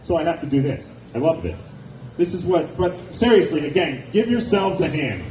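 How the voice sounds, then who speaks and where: This man in his forties does stand-up in a nightclub, handheld mic in hand, his voice a little high and mellow with big pitch swings and a moderate pace. His humor is sardonic, with wry asides and plenty of chat with the audience. The recording, made from a distance, is echoey with background noise.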